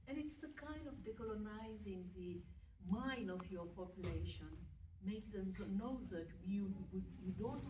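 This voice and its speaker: A woman from Senegal, speaking emphatically on a panel and pressing her points with rhetorical questions. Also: mid-range voice. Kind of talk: panel discussion. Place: event hall at a panel discussion. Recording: echoey room, distant mic, faint noise.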